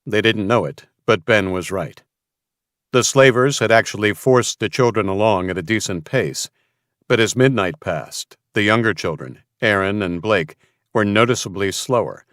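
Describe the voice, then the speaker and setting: Guy reading an audiobook, steady and even, pretty low voice, dry mic. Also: unhurried, no echo. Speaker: audiobook narrator. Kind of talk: scripted narration.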